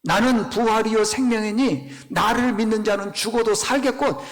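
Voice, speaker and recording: A man's voice: high voice, moderate pace, lightly acted. A male pastor voicing Jesus with solemn declaiming, acted out inside a sermon. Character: Jesus, solemn and gently scolding. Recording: hall reverb in church.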